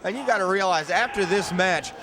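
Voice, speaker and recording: A man's voice: high voice, brisk. A man giving color commentary on live wrestling, with conversational, analytical asides. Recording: noisy live event background.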